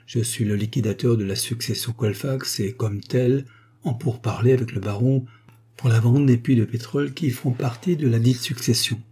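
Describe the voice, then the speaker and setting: A man voicing a shrewd lawyer on a secret errand, measured and businesslike. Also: medium pitch, mellow, breathy edge, close to an everyday voice. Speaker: character in an audiobook.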